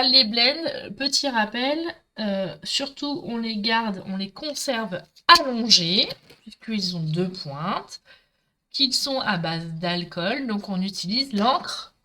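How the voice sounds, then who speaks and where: A middle-aged woman with a Marseille French accent chats away to viewers as she demonstrates a craft project live, addressing them directly. Her voice is fairly high and bright, with a forceful tone and a slight hiss or hum.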